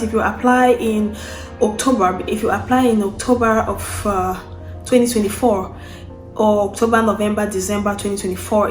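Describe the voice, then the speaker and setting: A young woman from Cameroon talks casually through a step-by-step process, restarting and repeating herself as she works out each point. Her voice sits at a medium pitch and rings in an echoey room. Faint music plays underneath. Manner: unscripted, with restarts and repeated phrases while explaining steps. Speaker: vlogger. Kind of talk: casual explainer talk to camera.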